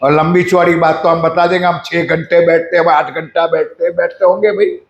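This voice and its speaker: A man giving a devotional sermon, putting questions to his listeners and chanting mantras slowly. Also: a little high, flat delivery, vocal fry, highs cut off. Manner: addresses the audience directly with questions. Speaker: preacher. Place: ashram hall. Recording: echoey hall.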